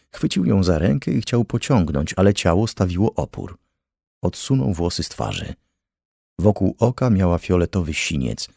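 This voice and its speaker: A man narrating an audiobook thriller with a measured, tense reading. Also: deep voice, creaky, darkish tone, dry recording, clean studio sound. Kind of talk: scripted narration.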